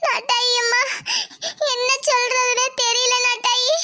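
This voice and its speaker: A frightened young village woman in a homemade cartoon, tearful and hesitant, as a woman puts her on. Her voice is extremely high and bright. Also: monotone, a little slow, exaggerated voice.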